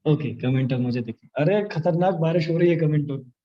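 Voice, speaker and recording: Energetic high-voiced young man coaching. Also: a little fast, echoey room, highs cut off. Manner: energetic, coaching, acts out both sides of sample chats. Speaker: online sales trainer. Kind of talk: live online training session.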